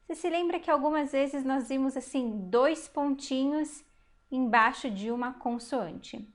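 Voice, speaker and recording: A woman with a high voice leads a recorded online language lesson. She explains patiently and step by step, stopping to ask the learner questions. She sounds out each new word slowly and carefully. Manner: sounds out Hebrew words slowly. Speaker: Hebrew teacher.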